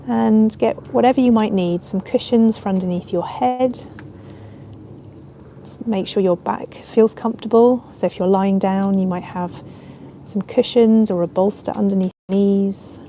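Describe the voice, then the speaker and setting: With a mid-range voice and fairly even intonation, this woman leads guided relaxation as a yoga nidra teacher. She speaks gently and without hurry, soothing the listener, while ambient sound and a faint hiss or hum surround her.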